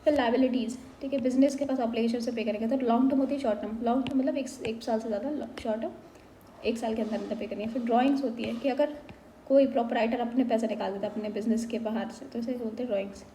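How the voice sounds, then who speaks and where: A woman's voice: fairly high pitch, steady tone, quick pace, dark tone, reverberant, a little hiss or hum, poor audio. A woman teaching a lesson on basic accounting terms, walking through each one and mixing English phrases into her explanations. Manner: explanatory, slips between Hindi and English.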